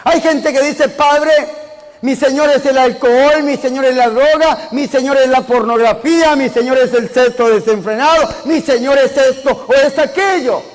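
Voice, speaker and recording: A man with a very high voice preaches a sermon, calling out to his congregation and rising into shouts. His words ring out with the long reverb of a big church hall. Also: moderate pace. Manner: calls the congregation to repeat and answer, building to shouts.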